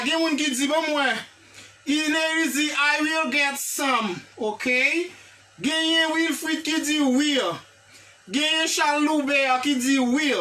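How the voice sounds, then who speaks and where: An English teacher with a Haitian accent giving a live online lesson, animated and repetitive, often checking in with the class and praising viewers by name. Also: sits high, far from the mic. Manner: animated, repetitive, checks in with "hein?" and "vous comprenez?".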